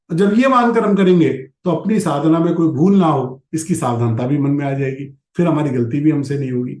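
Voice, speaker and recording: Man teaching gita, slightly high voice, swoops up and down, slows down to stress points, roomy echo. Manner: lively pitch swings, slows for emphasis, chants Sanskrit verses. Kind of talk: spiritual discourse.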